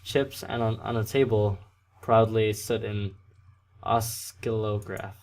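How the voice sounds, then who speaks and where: A man's voice: lowish voice, steady tone, takes it slowly, darkish tone. A man hosting a let's play, casually reading a visual novel aloud and often tripping over and restarting words. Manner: casual, stumbling over words, self-correcting.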